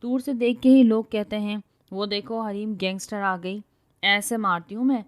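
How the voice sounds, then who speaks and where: A hot-tempered young university woman barks orders and picks fights in a loud, quarrelsome voice. A woman reader acts her out in a storybook reading. She brags and scolds without letting up. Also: mid-range voice, fairly even intonation, natural voice. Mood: bossy.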